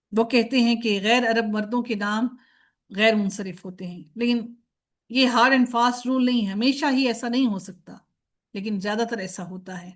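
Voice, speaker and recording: A woman teaching Arabic grammar in a recorded lecture, patiently chanting word forms in drills and posing questions she answers herself, with English words mixed in. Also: fairly high pitch.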